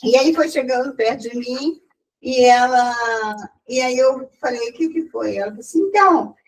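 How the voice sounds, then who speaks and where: A woman shares a personal testimony with her church group. Her voice sits high, and she tells her story in an animated way, circling back and repeating phrases. The mic is set a little way off from her. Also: a little slow, far from the mic, a little hiss or hum, low-quality recording.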